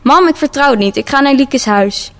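A woman's voice: high-pitched, expressive, normal speed, pitched above the performer's own voice. A woman voicing a worried, stubborn teenage girl who talks urgently. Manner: urgent, insistent.

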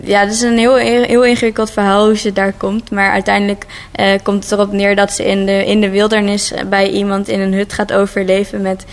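A woman's voice: medium pitch, level tone, brisk, few pauses. Woman author, hesitant and thoughtful. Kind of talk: interview and reading aloud.

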